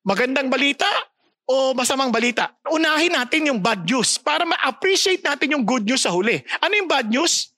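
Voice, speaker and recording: Filipina lady preaching, bright voice, dry close sound. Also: sits high, moderate pace, no room sound. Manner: expressive, rhetorical questions to the audience. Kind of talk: sermon.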